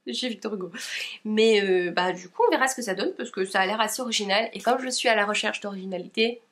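A woman's voice: medium pitch, fast, fairly bright tone. A young woman from Belgium, chatting casually about her reading pile with many hesitations. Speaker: book YouTuber. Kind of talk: casual book haul chat.

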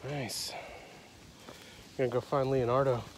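A man's voice: mid-range voice, level tone, unhurried, slight background noise, rough recording. A man chatting and joking playfully with a companion while filming a hike on a wooded trail. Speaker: hiker filming a trail vlog. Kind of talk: casual chat while hiking.

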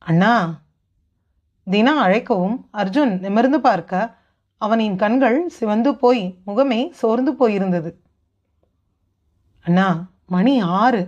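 A woman's voice: mid-range voice, takes it slowly, long pauses, darkish tone, highs cut off. A woman voicing an earnest younger brother who urges his grieving older sibling, read in an audiobook. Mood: concerned. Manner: urgent, coaxing.

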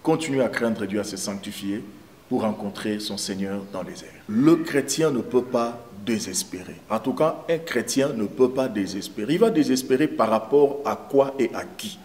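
A man's voice: on the low side, normal speed, a little mellow, slight background noise. A middle-aged man, giving a pastoral exhortation as a preacher. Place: indoor room, speaking to camera.

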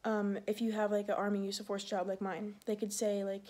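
A woman's voice: mid-range voice, flat delivery, brisk, a little mellow. A pregnant woman in her twenties who serves in the Air Force, chatting casually in a rambling vlog, full of fillers and a little short of breath.

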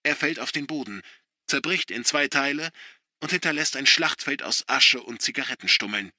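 A man reads a thriller audiobook in a steady, dramatic storytelling voice. His tone is very bright and forceful at a middle pitch. The recording is dry and close, with no room sound. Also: moderate pace, no echo. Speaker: audiobook narrator. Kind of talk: scripted thriller narration.

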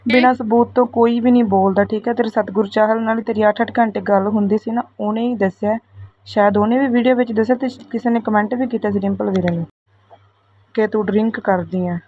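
A woman's voice: on the high side, steady tone, quick pace. A woman delivering heated reaction commentary to another vlogger, scolding and confrontational, often tagging her points with a questioning "okay?". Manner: scolding, confrontational, repeats "theek hai?". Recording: tinny phone-like audio with faint hiss.

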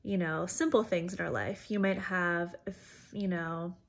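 A woman's voice: fairly low pitch, fairly even intonation, unhurried, gravelly. A woman who works as an educator, giving an informal church devotional in a chatty, conversational way with frequent fillers.

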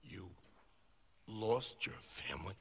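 A man voicing a big, timid, friendly male cat in an animated film, giggling and rambling gently. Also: fairly low pitch, slow pace, breathy edge, exaggerated voice. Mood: weepy. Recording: orchestral film score behind.

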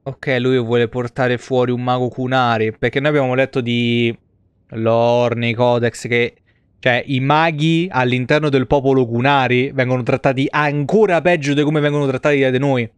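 An Italian game streamer in his thirties gives casual live gameplay commentary, swearing heavily and chatting informally with his viewers. His mid-range voice is smooth and steady at a moderate pace, with no room sound.

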